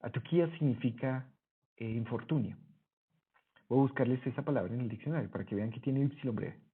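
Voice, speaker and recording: A man's voice: medium pitch, a little fast. A man teaching a Greek lesson over a screen recording, explaining patiently and correcting himself as he goes. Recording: husky voice, phone-like narrow sound.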